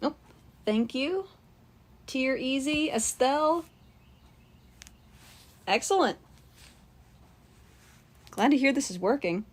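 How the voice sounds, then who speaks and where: A woman's voice: high voice, animated, takes it slowly, pauses often. A woman who is slightly under the weather with sinus pressure, chatting casually and informally to viewers as she hosts an unscripted livestream. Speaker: livestream host.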